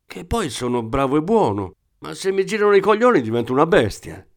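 A man's voice: mid-range voice, big pitch swings, normal speed, voice pushed up, natural voice. A man voicing a crude, hot-tempered male thief from the Rimini area who blusters and swears. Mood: indignant. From Rimini area, Italy. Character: crude excitable small-time male thief.

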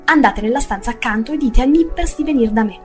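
A woman's voice: fairly high pitch, quick pace, a little mellow, soft background music, natural voice. Woman reading as an exasperated lawyer boss. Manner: raised insistent questioning. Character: exasperated male lawyer employer.

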